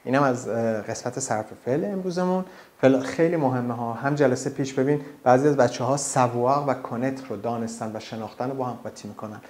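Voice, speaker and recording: A man teaching a language lesson, talking informally to the learner and drawing out words slowly for the learner to repeat. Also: medium pitch, a little mellow. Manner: slow drawn-out model pronunciation, direct and informal. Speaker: French teacher.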